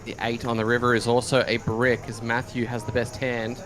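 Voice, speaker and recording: Mid-pitched male voice, live poker commentary, noticeable crowd background. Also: monotone, fairly quick. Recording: busy card room crowd behind. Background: poker room crowd noise.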